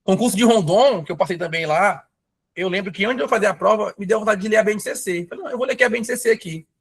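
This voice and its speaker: A math teacher for civil service exams from Pará, Brazil, runs a live online exam-prep class, chatty and enthusiastic with storytelling asides. He talks very fast in a high, husky voice with vocal fry.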